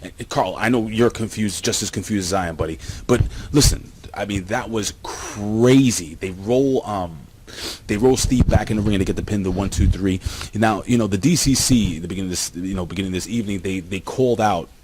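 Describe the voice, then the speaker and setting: Deep-voiced excitable man reviewing wrestling. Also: a little fast, a little hiss or hum. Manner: excitable, rambling, talks straight to viewers. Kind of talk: casual video review.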